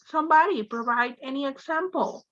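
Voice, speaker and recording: Teacher lady on a video call, high bright voice, keeps nudging students, dull lo-fi sound. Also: normal speed. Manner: encouraging, prompts students with repeated questions. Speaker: English teacher. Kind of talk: online class lecture.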